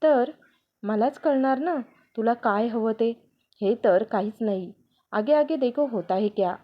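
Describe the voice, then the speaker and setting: A woman's voice: a little high, a little slow, highs cut off. A woman doing a teasing loving young husband. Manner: teasing, affectionate.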